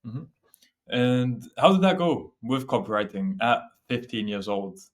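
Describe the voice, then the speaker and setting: A man's voice: mid-range voice, animated, unhurried. A man hosting an interview, giving short prompts and follow-up questions. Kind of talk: casual interview.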